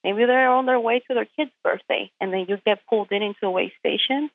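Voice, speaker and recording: A Puerto Rican truck driver, a native Spanish speaker, joins a phone interview as a guest, her voice slightly high and a touch fast. She argues her point directly and emphatically, often throwing in rhetorical questions. The line sounds tinny.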